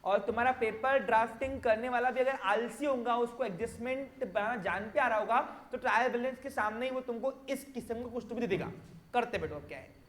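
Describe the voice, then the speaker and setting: A man's voice: extremely high pitch, fairly even intonation, a little fast, hardly any pauses, fairly bright tone, echoey room. A male commerce teacher, lecturing through a story and asking students rhetorical questions.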